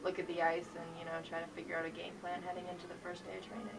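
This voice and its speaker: A woman's voice: fairly low pitch, completely flat delivery, rapid-fire, recorded from a distance. A woman chatting casually and explaining things in an easygoing way as an athlete guest in an interview. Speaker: athlete guest on a radio show. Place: radio studio. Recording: off-mic sound with clear background noise.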